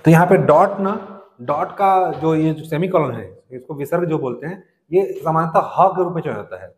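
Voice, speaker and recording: A man's voice: a little high, moderate pace, darkish tone. A male teacher giving a classroom lecture, explaining step by step, asking the class questions and answering them himself. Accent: Chhattisgarh Hindi. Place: coaching classroom. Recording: long reverb.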